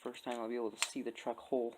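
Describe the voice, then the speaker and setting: A man narrating his hobby model build to a phone camera, excitable, laughing often and apologizing as he works. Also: medium pitch, racing, noisy background. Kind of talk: casual hands-on vlog narration. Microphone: phone camera on a stand.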